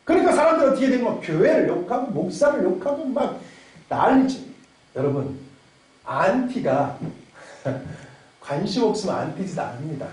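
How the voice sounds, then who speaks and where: High-voiced pastor preaching in an echoing church. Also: male voice, very animated, normal speed, pauses often, a little mellow. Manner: emphatic, with many rhetorical questions and repeated phrases. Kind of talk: sermon. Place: church sanctuary. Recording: very echoey church hall, from far off.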